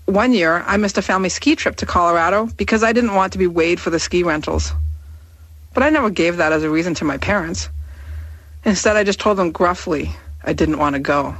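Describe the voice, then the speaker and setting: A woman's voice: fairly low pitch, a bit bright, dry recording. Woman in her thirties reading a candid essay. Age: 30s. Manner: candid, wry, measured delivery.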